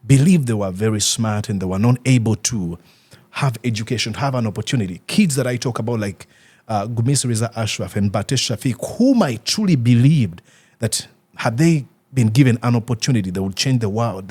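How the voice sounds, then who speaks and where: A young man from Uganda, an author answering interview questions in an earnest, halting way with many fillers and restarts. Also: mid-range voice, lively intonation, darkish tone, slightly rough.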